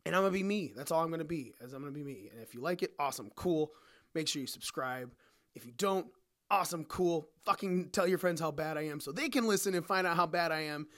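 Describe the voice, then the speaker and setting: A man's voice: fairly high pitch, fast talker, a bit bright. A young adult man hosting his own podcast, ranting bluntly and profanely, a little sick. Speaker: podcast host. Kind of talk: casual monologue rant.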